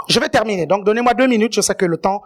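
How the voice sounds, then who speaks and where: A guest preacher giving a sermon, often checking in with the congregation and adding playful asides. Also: medium pitch.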